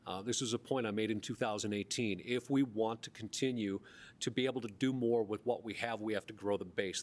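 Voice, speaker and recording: A man running for office, answering a forum question in a steady, policy-focused way. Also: medium pitch. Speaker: mayoral candidate. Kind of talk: debate answer.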